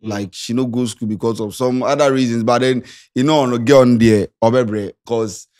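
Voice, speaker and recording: A Ghanaian man co-hosting a casual reaction chat, firing back quick laughing retorts. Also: mid-range voice, steady tone, darkish tone. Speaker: co-host.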